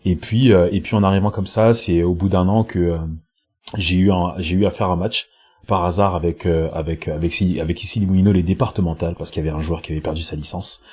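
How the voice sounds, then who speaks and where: A Congolese pro basketball player chats casually as a guest on a podcast, recorded on his own home podcast mic with a headset. His deep, darkish voice stays steady and moves fast with a breathy edge. He hesitates often, filling gaps with fillers and repeating himself in this relaxed interview.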